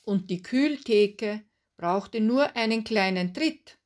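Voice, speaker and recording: A woman voicing a calm, courteous male stranger who offers help in a read-aloud story. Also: medium pitch, slow pace. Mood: kindly. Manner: calm, kindly. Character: friendly helpful stranger man, calm and courteous.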